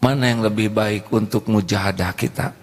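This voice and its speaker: A man preaching a lively sermon, jumping up high for emphasis and asking his listeners to answer. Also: moderate pace. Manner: lively, swings to high voice for emphasis and quoted speech; talks directly to the audience, asks them to answer. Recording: long hall reverb.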